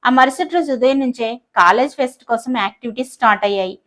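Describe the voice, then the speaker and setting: A woman's voice: fairly high pitch, fast talker, a bit bright. Woman narrating a love story audiobook.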